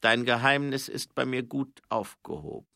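Man voicing a slow, probing old dwarf king. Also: expressive, creaky, no echo, clean studio sound. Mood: probing, weary. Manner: slow, high and loud, drawn-out.

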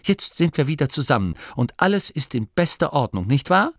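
A man voicing a bold, sharp-tongued young gnome woman in an audiobook, speaking haughtily. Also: fairly high pitch, big pitch swings, fairly quick, no echo, clean studio sound, pitched above the performer's own voice. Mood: cheerful.

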